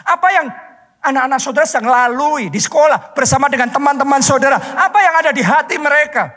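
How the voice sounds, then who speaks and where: A male pastor from Indonesia preaching a sermon, stressing points loudly and then dropping to soft, drawn-out words. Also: extremely high pitch. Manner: emphatic, swings between loud stress and soft drawn-out words. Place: church hall. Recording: long hall reverb.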